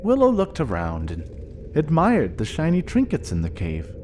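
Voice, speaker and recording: Gentle man reading a storybook. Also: a little high, normal speed, slight background noise. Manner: gentle expressive read-aloud. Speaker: narrator.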